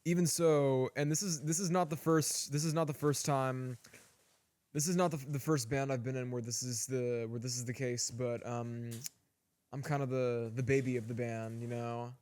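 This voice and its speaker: A young drummer in his early twenties talks in a smooth, resonant voice. He is earnest and often backs up to restart a phrase. His pitch is mid-range. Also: steady tone, normal speed, darkish tone. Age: early 20s. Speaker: band drummer guest. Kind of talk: casual interview chat.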